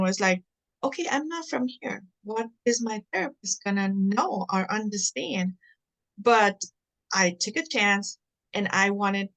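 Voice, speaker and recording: A woman's voice: mid-range voice, fairly bright tone, poor audio. Woman, candid patient voice on a panel, plain-spoken. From Nepal. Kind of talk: personal account on a panel.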